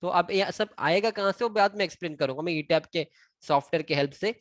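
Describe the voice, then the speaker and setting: A man's voice: sits high, fast, no echo. A man with an Indian accent teaching civil engineering drawings. He switches between Hindi and English and counts items aloud as he points them out. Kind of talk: screen-recorded drawing tutorial.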